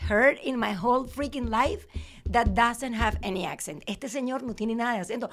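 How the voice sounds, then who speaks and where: A woman's voice: fairly high pitch, normal speed. Chatty woman hosting a podcast. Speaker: podcast host. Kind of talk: casual podcast conversation.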